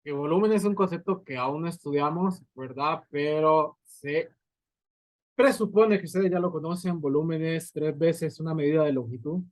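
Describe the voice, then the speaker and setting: A man's voice: fairly high pitch, normal speed, no echo, poor audio. Patient man teaching a physics lesson. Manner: patient, explains step by step, checks in with listeners. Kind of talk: recorded lecture at a writing board.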